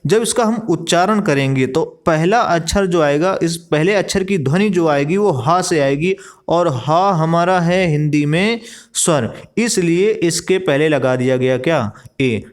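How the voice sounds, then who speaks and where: Man, teacher, classroom lesson, rhetorical questions, spells words out slowly, slightly high pitch. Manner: repeats rhetorical questions and "ठीक है" while explaining. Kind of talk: classroom lesson explaining English grammar in Hindi.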